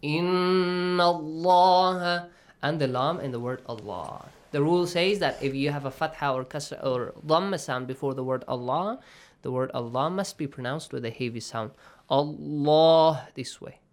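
A teacher giving a recitation lesson, checking in often with "okay?" and "right?" and drawing out sounds slowly to demonstrate them. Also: mid-range voice. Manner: slow, drawn-out demonstrations of pronunciation. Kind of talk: tajweed lesson to students.

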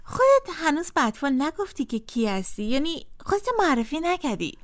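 Lively high-voiced female children's radio host. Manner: gentle, coaxing, playful.

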